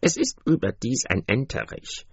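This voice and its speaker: A man's voice: mid-range voice, huge pitch swings, moderate pace, vocal fry, slightly rough, no room sound, full character voice. A man voicing a proud, protective mother duck in a fairy-tale reading, earnest and coaxing, on a dull, dry recording.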